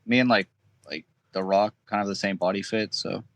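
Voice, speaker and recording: A man guesting on a podcast, speaking in a hesitant, low-key way. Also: steady tone, normal speed, fairly bright tone. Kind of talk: casual chat.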